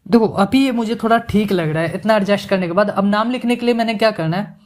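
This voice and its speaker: A man giving a casual, joking software tutorial, mixing English words into his Hindi as he works. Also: high-pitched, quick pace. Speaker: animation tutorial instructor.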